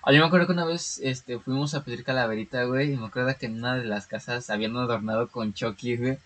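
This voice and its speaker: A young Mexican man chatting casually with friends. He talks fast and loose, full of slang, with a husky, slightly rough voice. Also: mid-range voice, steady tone, a bit bright. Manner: fast, slangy, peppers speech with "güey". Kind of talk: casual chat.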